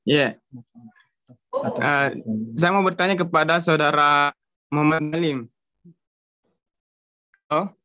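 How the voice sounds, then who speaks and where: A man's voice: a little high, steady tone, slow, pauses often, pushed and bright, dry recording. A man joining an online discussion over a bad connection, his audio choppy and breaking up as he tests his mic hesitantly and asks to speak. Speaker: participant asking a question in an online forum. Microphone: video call. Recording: dull muffled call audio, off-mic at times.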